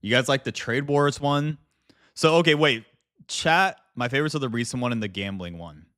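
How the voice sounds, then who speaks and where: A man's voice: mid-range voice, animated, moderate pace, pushed and bright, clean tone. A man livestreaming in a casual chat with viewers, speaking informally with slang and some swearing. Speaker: live streamer and video creator.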